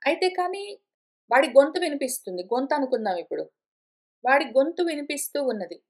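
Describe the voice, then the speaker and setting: A woman giving a conversational scripture lesson, repeating and rephrasing her points and slowing down to recite verses. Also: high-pitched, sing-song, darkish tone. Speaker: teacher of scripture. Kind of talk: explanatory spoken lesson.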